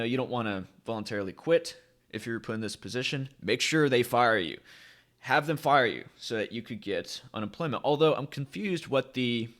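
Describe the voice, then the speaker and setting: A man's voice: medium pitch, a bit bright. A man hosting a casual commentary vlog, talking emphatically and repeating his key points like a preacher. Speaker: crypto YouTube host.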